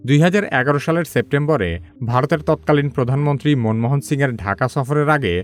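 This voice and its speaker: A man narrating a scripted news explainer in a measured, even way, his sentences dropping low at the ends. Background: faint background music.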